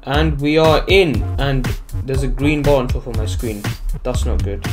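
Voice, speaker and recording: A man's voice: medium pitch, moderate pace. A young man doing panicky Let's Play commentary, yelping and crying out at sudden scares. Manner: jumpy, panicky reactions with sudden yelps. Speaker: gaming YouTuber. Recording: music playing behind.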